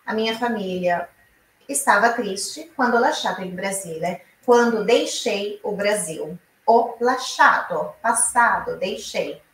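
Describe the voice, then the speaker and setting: Woman from brazil teaching italian, slow careful drilling, echoey room, kinda far off. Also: mid-range voice, slight background noise. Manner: explains slowly, drills each example aloud. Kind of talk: online language lesson.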